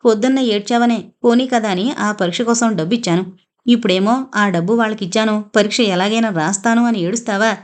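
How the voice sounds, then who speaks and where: A woman's voice: mid-range voice, a little fast, close to an everyday voice. Casting: a kind, coaxing old grandmother in an audio novel, voiced by a woman narrator. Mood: soothing. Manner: soothing, coaxing. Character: gentle, affectionate old grandmother.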